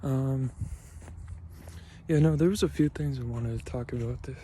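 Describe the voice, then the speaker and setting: A man's voice: mid-range voice, moderate pace, dark tone, slight background noise. A young man with a Minnesotan accent, rambling and swearing casually as he vlogs from a cold park. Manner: rambling, swears a lot, filler-heavy, self-deprecating. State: tired. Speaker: vlogger.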